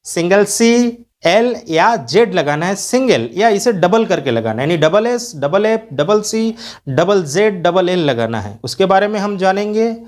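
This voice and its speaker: Indian man spelling out English words. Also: high voice. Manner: patient teaching, spells words out letter by letter. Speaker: English grammar teacher. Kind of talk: video lecture.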